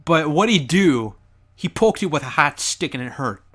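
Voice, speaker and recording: Brief: male let's play commentator, lively pitch, slightly high, sarcastic jokes. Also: normal speed. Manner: animated, sarcastic and joking. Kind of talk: reaction commentary on his old video.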